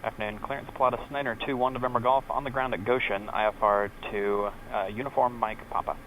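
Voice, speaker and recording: A man's voice: medium pitch, fairly even intonation, fast. A man working as a pilot, making clipped radio calls over a pilot headset. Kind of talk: aviation radio phraseology. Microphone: aviation headset. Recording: noisy cockpit headset radio audio. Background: aircraft cabin noise.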